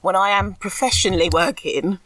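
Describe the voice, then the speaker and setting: A woman's voice: mid-range voice, a little fast, a bit bright. A woman co-hosting a podcast in casual chat, candid and a little ranty, laughing often. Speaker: podcast co-host. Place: outdoors in a garden.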